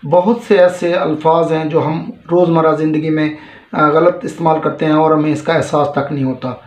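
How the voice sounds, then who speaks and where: A middle-aged man from Pakistan with a Punjabi-Pakistani Urdu accent, a retired college principal giving a measured, explanatory pronunciation lesson and stressing each word slowly. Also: fairly high pitch, little pitch movement, darkish tone. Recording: echoey room.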